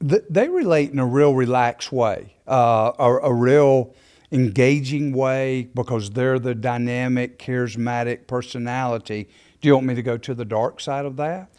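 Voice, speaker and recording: A man's voice: medium pitch, a little mellow, clean tone. A man co-hosting a ministry podcast, running through familiar explanations with practiced ease. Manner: practiced, listing traits in quick runs. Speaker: podcast co-host. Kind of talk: casual ministry podcast discussion.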